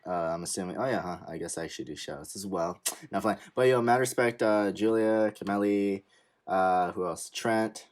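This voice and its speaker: A young man in his twenties, co-hosting a podcast, speaks in a lowish voice at a moderate pace. The talk is a casual chat, laid-back and full of slang, and he laughs often.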